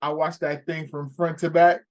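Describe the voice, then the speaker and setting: A man's voice: fairly high pitch, flat delivery, moderate pace, muffled recording. A man in his thirties, a podcast co-host, telling a story in casual chat, laughing and acting out what people said.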